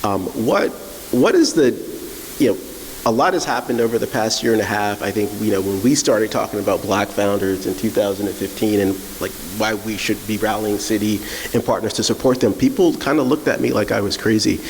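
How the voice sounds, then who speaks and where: Man, low voice, panel moderator, conversational questions, hall echo. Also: brisk. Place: event hall. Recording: reverberant hall with faint hiss.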